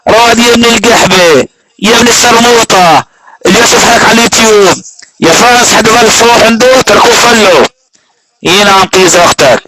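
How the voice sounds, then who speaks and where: A man's voice: high-pitched, fast. A man with a Levantine Arabic accent in a voice-chat room, who keeps up a repetitive, jeering stream of abuse over a phone app. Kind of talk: taunting insult rant. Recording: heavy background noise.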